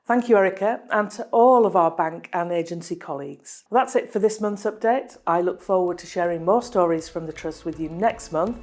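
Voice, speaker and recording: A woman narrating a scripted monthly news round-up for a hospital trust, upbeat and clearly read. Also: fairly low pitch, moderate pace, hardly any pauses, a little mellow.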